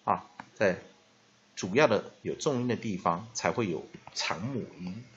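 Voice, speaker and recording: A male English teacher explaining word pronunciation in a vocabulary lesson with a Taiwanese Mandarin accent, slowly stretching out example words and dropping a filler "ha" between phrases. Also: lowish voice, animated, fairly bright tone, muffled recording, slight background noise. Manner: drawn-out repeated demonstration words, frequent filler "ha".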